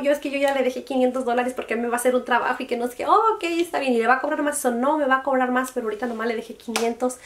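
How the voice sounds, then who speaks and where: A young woman, telling a personal story in a casual, emotional vlog and acting out what others said. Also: a little high. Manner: emotional, animated retelling that quotes other people. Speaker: beauty vlogger. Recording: voice a bit far from the mic.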